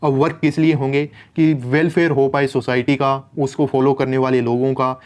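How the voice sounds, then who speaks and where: A man coaching exam candidates in a conversational instructional video, mixing English terms into his speech and slowing down to spell out rules. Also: medium pitch, level tone, smooth. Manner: slows right down to read out English rules. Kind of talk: instructional explainer.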